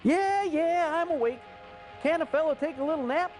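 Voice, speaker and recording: A man's voice: extremely high pitch, moderate pace, a little mellow, faint music behind, pitched above the performer's own voice. A man voicing a sleepy, grumpy fellow who has just been woken from a nap. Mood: groggy. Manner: groggy and grumbling.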